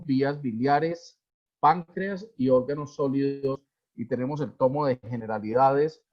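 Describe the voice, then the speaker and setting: A man's voice: mid-range voice, dull audio. A man moderating a video-call webinar, hesitant, with many fillers and restarts. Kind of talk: hosting a live video webinar.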